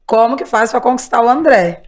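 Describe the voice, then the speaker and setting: A woman's voice: on the high side, brisk. A woman co-hosting a podcast in a playful, teasing way. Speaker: podcast co-host. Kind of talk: casual podcast chat.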